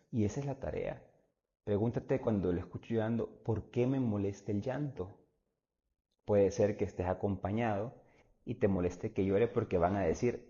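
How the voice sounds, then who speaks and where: An earnest middle-aged man speaks straight to the listener in a preachy, reflective talk. His voice sits low and mellow, and the recording sounds dull and lo-fi. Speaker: parenting speaker, former preacher. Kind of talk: reflective monologue on parenting.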